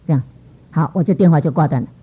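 Husky church lady telling a testimony, does little voices for people, kinda muffled recording. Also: quick pace. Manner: lively, acts out quoted voices with pitch jumps. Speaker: church speaker giving testimony. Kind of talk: storytelling testimony talk. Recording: dull lo-fi recording.

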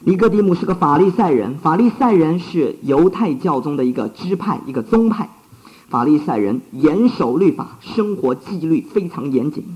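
A man preaches a sermon in a high voice that swings widely up and down. He urges and pleads with emphasis. The recording sounds dull and lo-fi. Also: darkish tone.

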